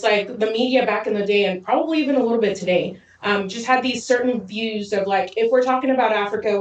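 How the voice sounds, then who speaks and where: A woman from Zambia chatting as a podcast co-host, talking fast and telling her stories with a laugh. Her voice sits at a middle pitch. The mic is set back from her, and the room gives it a clear echo. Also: lo-fi sound. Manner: fast, lively storytelling with frequent laughs. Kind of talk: casual chat. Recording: roomy echo, distant mic.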